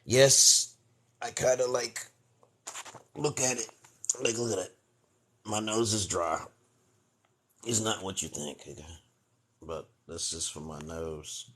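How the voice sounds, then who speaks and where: Low-voiced New York man rambling on a livestream. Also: slow pace, long pauses, a bit bright. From Brooklyn, New York, USA. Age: 40s. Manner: rambling, repeats "okay?" often. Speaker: livestream host giving relationship advice. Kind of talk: casual livestream monologue.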